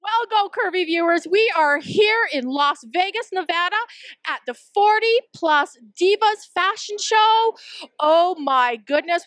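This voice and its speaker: A middle-aged woman with a very high voice works a red carpet as interviewer. Her chatter is gushing and effusive, spoken into a handheld microphone. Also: a bit bright, no room sound. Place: indoor red carpet at a fashion show.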